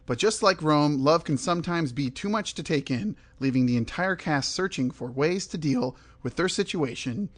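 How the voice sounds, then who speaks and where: A man running a film review podcast reads a scripted opening and then drifts into free-flowing opinion, speaking at normal speed with barely a pause. His fairly high voice is animated.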